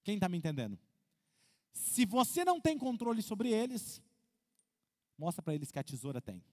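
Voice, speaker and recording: A Brazilian pastor with a strikingly high voice preaches a lively sermon, firing questions at his congregation and acting out what people say. His words ring out with the long reverb of a large church hall. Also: moderate pace. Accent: Brazilian Portuguese. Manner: lively, asks the congregation questions, acts out quotes. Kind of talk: animated sermon.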